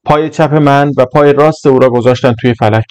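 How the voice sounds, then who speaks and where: A man narrating a short story in an even, measured reading voice. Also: mid-range voice, clean tone, dry recording. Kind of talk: scripted narration.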